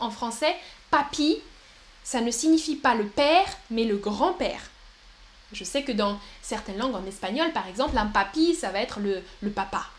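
A young woman teaches a live-stream language lesson with a light, high voice. She speaks slowly and clearly and repeats key words for her viewers. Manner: slow and clear, repeats words, puts on a babyish voice for examples. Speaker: French teacher.

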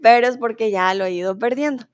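Talking fast in a voice on the high side, a Bogotá, Colombia native teaches Spanish live online in a neutral Bogotá accent. She's friendly, reading students' comments aloud and laughing. The high frequencies in the audio are cut off.

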